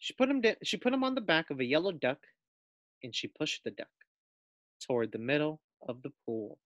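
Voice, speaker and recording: An American-accented man reads a children's story aloud like a teacher, asking his young listeners questions in expressive narration. His voice is on the high side, very animated, a little fast and fairly bright, in a dry, dull-sounding recording.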